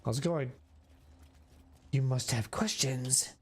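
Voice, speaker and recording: Husky and slow, this young man's medium-pitched voice carries casual commentary as he streams a video game. He chats into a desk mic in a rambling way, leaning heavily on filler words.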